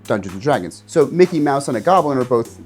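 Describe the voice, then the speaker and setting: A man, a game master, teaching tabletop players how to do voices in a casual instructional video, jumping his pitch up and down to demonstrate. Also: fast talker, faint music behind. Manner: animated, jumps pitch up and down to demonstrate.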